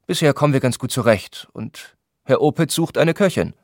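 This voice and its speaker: A man's voice: medium pitch, expressive, moderate pace, no echo, studio quality, pitched above the performer's own voice. A man voicing a stiff, dignified young patient who answers in a curt, formal way. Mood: matter-of-fact.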